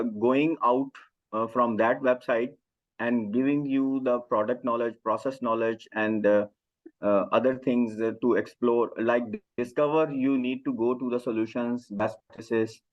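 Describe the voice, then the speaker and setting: A man's voice: mid-range voice, fairly even intonation. Man, dull lo-fi sound. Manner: halting, hesitant non-native English phrasing. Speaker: software trainer. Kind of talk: informal online training session. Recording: dull, lo-fi online call audio.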